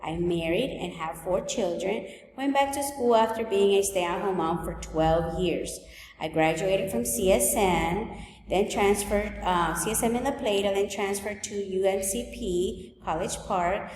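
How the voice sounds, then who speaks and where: A woman in her forties from El Salvador, a high school teacher, walking through her class rules and agenda in a clear, list-like way. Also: measured pace, a little mellow, slight background noise. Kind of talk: recorded open house presentation. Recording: echoey room, long reverb.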